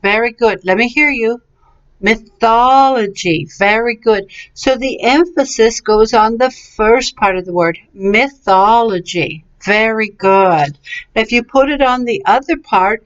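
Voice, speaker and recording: Slightly high-pitched and a little slow, a woman leads a clearly enunciated English vocabulary lesson, kindly encouraging learners as she sounds out each word by syllable. It's recorded on a webcam with a somewhat dull, lo-fi quality.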